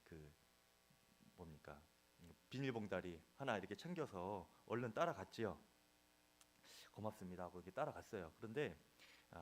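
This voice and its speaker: Animated Korean pastor telling a story. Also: male voice, mid-range voice. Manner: animated storytelling, acting out quoted shouts. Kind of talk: sermon with storytelling. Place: church sanctuary.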